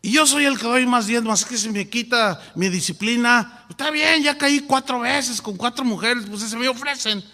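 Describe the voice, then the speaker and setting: A self-justifying, whiny church member who brags about his tithe, as a preacher puts him on sounds high-pitched and nasal with indignation. The voice rings out with a long reverb, as if in a large church hall. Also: moderate pace, hardly any pauses, bright, forceful tone, heavily acted. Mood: indignant. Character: boastful male church member, big tither.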